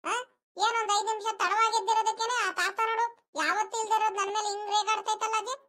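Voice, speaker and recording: A sulking, whiny village schoolboy from a cartoon, voiced by a performer, with a very high, bright voice. He grumbles and complains at a quick pace. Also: flat delivery. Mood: whining. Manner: whiny complaining rural speech. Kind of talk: animated cartoon voice acting.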